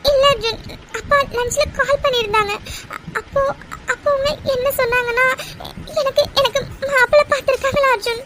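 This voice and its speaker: A woman voicing a young college girl in love, anxious and pleading in an animated cartoon story. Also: very high voice, brisk, very noisy. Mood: frightened pleading.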